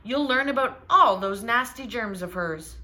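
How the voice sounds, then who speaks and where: Storybook papa bear, blustery and jolly, read by a woman with a lively bright lilt. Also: fairly high pitch, unhurried, voice pushed up. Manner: dismissive and jolly.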